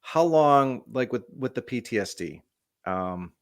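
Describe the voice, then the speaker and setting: A man's voice: medium pitch, expressive, a little slow, no room sound, studio quality. A man co-hosting an interview, asking and reflecting in a thoughtful, hesitant way. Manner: thoughtful, hesitant, searching for words. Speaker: podcast co-host.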